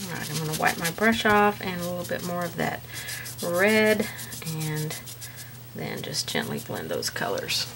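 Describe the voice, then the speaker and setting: A woman walks viewers through a painting lesson in an easygoing, chatty manner, often pausing on fillers as she works. Her voice sits on the lower side. A faint hiss runs under the recording. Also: creaky. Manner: relaxed, chatty, with many fillers. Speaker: painting instructor. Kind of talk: paint-along tutorial.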